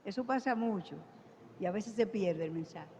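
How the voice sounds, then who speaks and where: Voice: mid-range voice, moderate pace, a little mellow. A participant speaks up during a parish course and explains a point after a hesitant start. The voice carries a long hall reverb. Faint noise sits underneath. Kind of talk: classroom remark.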